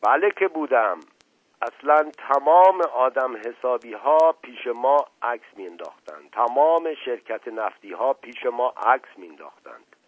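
A man voicing a boastful, smooth-talking male street photographer with bragging, overly polite sales talk, in a dull lo-fi radio recording. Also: mid-range voice, lively intonation, no echo, voice pushed up, close to an everyday voice.

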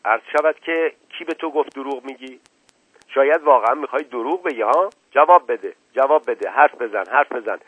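Man voicing a barking police inspector, husky voice, dull lo-fi sound. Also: mid-range voice, expressive, no room sound. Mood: accusing. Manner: barking, suspicious, interrogating. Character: bossy shouting male police inspector. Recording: dull lo-fi recording.

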